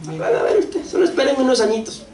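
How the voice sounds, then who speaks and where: A pastor with a Costa Rican accent preaching a lively sermon, asking the congregation questions and acting out voices. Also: sits high, fast, crowd noise. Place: church hall. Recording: echoey church hall, distant mic, faint noise.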